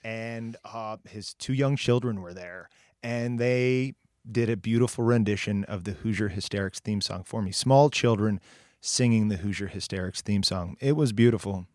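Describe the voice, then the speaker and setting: A man's voice: fairly low pitch, moderate pace, no room sound, clean studio sound. A middle-aged man co-hosting a casual podcast, joking and chatty. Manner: lively, joking. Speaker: podcast co-host.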